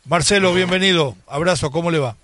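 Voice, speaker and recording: A man's voice: a little high, brisk. A man hosting a sports talk radio show, taking listener calls and bantering with jokes. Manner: joking, teasing banter.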